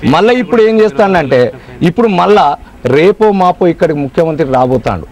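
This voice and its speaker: A man's voice: high-pitched, expressive, brisk, darkish tone. A man giving an indignant interview statement on behalf of local farmers. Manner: indignant, complaining.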